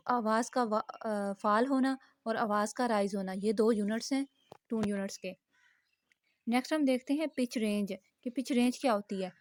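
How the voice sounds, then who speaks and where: A woman teaching a linguistics lesson, patiently explaining each point and slowly reading out English examples. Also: on the high side, darkish tone, no echo.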